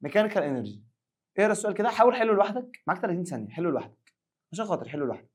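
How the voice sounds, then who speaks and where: A young man with an Egyptian Arabic accent teaching a recorded science revision lesson, joking with imagined students and reading the English questions slowly. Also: high-pitched, big pitch swings, husky.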